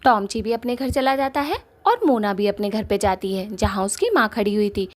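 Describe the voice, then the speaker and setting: A woman telling a cartoon story. She narrates plainly and steadily, at a mid pitch. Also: normal speed.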